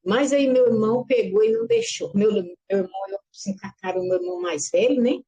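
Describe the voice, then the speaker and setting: Woman, middle-aged, religious testimony, mellow husky voice, acts out quotes. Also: on the high side, quick pace, highs cut off. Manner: animated storytelling, acting out quoted voices; addresses listeners as brothers and sisters. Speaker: church member giving testimony.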